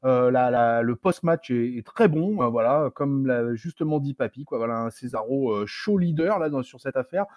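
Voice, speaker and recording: A man's voice: medium pitch, moderate pace, hardly any pauses, no room sound, studio quality. A man co-hosting a wrestling podcast, chatting playfully and cracking jokes. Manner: playful, joking, animated. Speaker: podcast co-host. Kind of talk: casual podcast chat.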